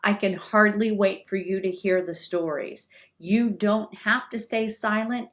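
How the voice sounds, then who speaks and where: A woman in her fifties, a speech-language pathologist, talking in a slow, deliberate and emphatic way over a video call. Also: mid-range voice, steady tone. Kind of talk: encouraging talk on stroke recovery.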